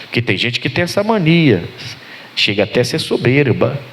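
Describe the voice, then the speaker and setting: A man, a pastor preaching a sermon in an animated way, his pitch climbing for emphasis as he asks the congregation for amens. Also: moderate pace, a little hiss or hum.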